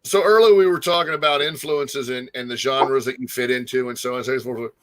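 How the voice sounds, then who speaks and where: Hosting a relaxed music interview, this man rambles informally and keeps encouraging his musician guest. His voice is mid-range and he speaks fairly quickly.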